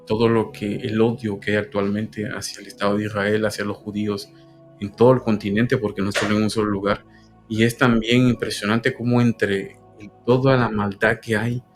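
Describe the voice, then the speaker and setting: Guatemalan man, low earnest voice, faint music underneath; faith talk co-host. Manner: earnest, halting. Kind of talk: religious discussion.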